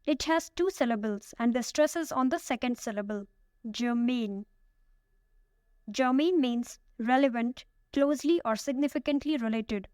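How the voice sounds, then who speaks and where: Woman with a smooth, crisp teaching voice. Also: high voice, darkish tone, dry recording, studio quality. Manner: slow, careful word-by-word pronunciation drills. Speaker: vocabulary teacher. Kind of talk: scripted vocabulary lesson.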